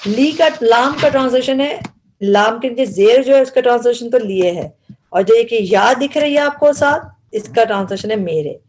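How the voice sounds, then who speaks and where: A woman's voice: on the high side, moderate pace, darkish tone, slight background noise. A woman with an Urdu accent teaching a word-by-word translation lesson, explaining grammar patiently and repeating each word.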